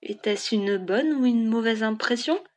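A woman voicing a calm, authoritative female oracle who questions gently and slowly in a storybook reading. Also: a little high, lightly acted. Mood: probing. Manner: slow, measured and gently probing.

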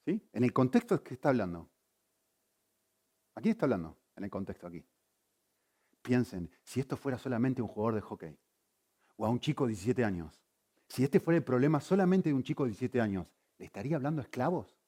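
A man preaching a sermon, swinging between loud emphasis and quiet, intense asides. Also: medium pitch, sing-song, fast talker, long pauses. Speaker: pastor.

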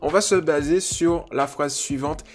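A man's voice: on the high side, steady tone, unhurried, faint music behind. A man hosting a casual solo dog-training podcast, rambling, joking and correcting himself as he goes. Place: indoors, alone by a wall.

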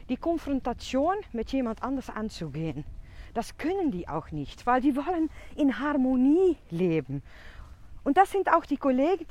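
A woman hosting a casual solo podcast, chatting softly and a bit slowly as she explains things with everyday workplace examples. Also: high voice. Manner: speaks softer and slower on purpose. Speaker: podcast host and workplace trainer.

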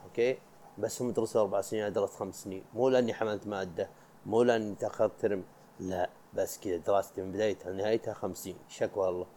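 A young man from talks fast in a casual solo podcast. His voice is warm and dark, never sharp. He rambles, cuts himself off mid-word and laughs along the way. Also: on the low side, steady tone, slight background noise. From Saudi Arabia. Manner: chatty, rambling, self-interrupting, laughs often. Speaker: podcast host.

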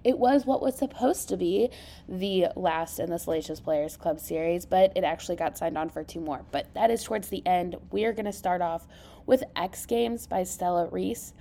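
A woman hosting a podcast, chatting casually and emphatically about books, with creaky vocal fry and congested sinuses. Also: fairly low pitch, normal speed, warm tone. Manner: informal, emphatic, enthusiastic. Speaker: podcast host. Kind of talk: casual book review chat.

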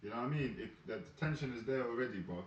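A man's voice: medium pitch, very fast, a crowd in the background. A young man with a London roadman accent chatting casually and emphatically in heavy street slang, often repeating himself. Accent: London roadman, urban street slang. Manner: emphatic, repeats himself, tags phrases with "bro" and "innit". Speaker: podcast co-host. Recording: roomy, distant, dull with faint noise.

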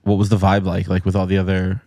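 A man hosting a casual interview, asking quick follow-up questions and tossing in short replies. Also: low-pitched, monotone, dark tone, dry recording. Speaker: interview host.

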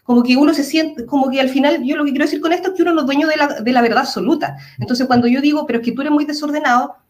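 A woman's voice: high voice, very fast, a little hiss or hum. A woman with a Chilean accent, a psychologist explaining things earnestly in an interview, using everyday examples. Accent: Chilean Spanish.

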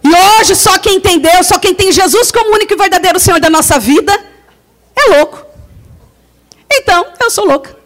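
High-voiced woman preaching with animated storytelling. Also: normal speed. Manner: animated storytelling, acts out dialogue, laughs often. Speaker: lay preacher. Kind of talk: testimony sermon to a congregation.

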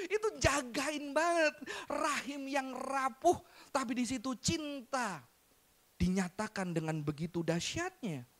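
Animated high-voiced preaching man. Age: adult, father. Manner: animated, mixes English phrases, jokes with congregation. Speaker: pastor. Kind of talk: sermon.

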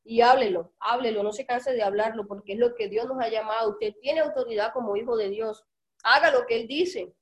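Woman preacher, fairly high voice, leads prayer with fervent, commanding, repeated declarations. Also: brisk. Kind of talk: sermon with guided prayer.

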